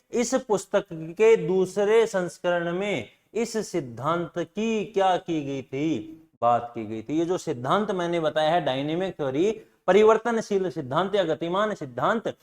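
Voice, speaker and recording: A man teaching a library science class, asking questions aloud and answering them himself, repeating key points for students to remember. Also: fairly high pitch. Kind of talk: classroom lecture.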